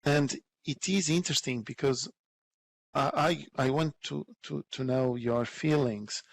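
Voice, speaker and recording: A man who is a nurse and educator, giving an earnest, heartfelt conference presentation. He talks haltingly and often repeats words as he gathers his thoughts. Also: mid-range voice, vocal fry, a little hiss or hum.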